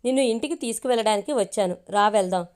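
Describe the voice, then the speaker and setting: A woman's voice: fairly high pitch, rapid-fire, a little mellow, clean tone, natural voice. A woman voicing a playful young woman who teases the man she loves, read in a plain storytelling voice. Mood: teasing. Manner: teasing, affectionate.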